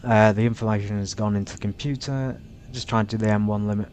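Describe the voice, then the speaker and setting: A man with a fairly low voice plays pilot in a flight simulator. He talks to himself casually and haltingly, slipping into radio phraseology. A faint rumble sits behind the voice. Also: steady tone, a little mellow. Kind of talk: casual self-narrated gameplay with radio calls. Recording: rumbly background noise.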